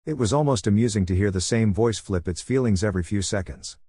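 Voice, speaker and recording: A man narrating a fan fiction story in an even storytelling read, voicing every character himself. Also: on the low side, fast talker, breathy edge, no room sound, studio quality.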